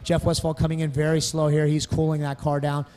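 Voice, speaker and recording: A man doing live motorsport commentary from a booth, joking between lap times, his voice a bit worn from days of shouting. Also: a little high, completely flat delivery, a little fast. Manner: upbeat, joking, rattles off lap times and sponsors. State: hoarse-feeling voice from two days of shouting. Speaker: race commentator. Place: announcer booth at a racetrack. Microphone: broadcast mic.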